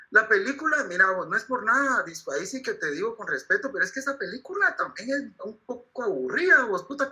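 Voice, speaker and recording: A man's voice: very high-pitched, sharp tone, low-quality recording. A man with a Guatemalan accent, ranting in crude slang as an interviewee, full of profanity and rambling asides. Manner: rambling, profane, keeps saying "vos". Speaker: interviewee, actor of the film. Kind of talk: crude comedic slang-heavy rant.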